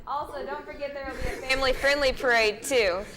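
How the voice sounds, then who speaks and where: A woman's voice: high voice, a little fast, a crowd in the background. Young woman anchoring student news.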